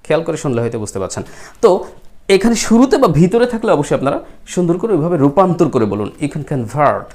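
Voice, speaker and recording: A man with a Bangladeshi accent teaching English pronunciation, who repeats each word several times slowly and deliberately. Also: a little high, sing-song, a little mellow. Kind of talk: classroom-style pronunciation lesson.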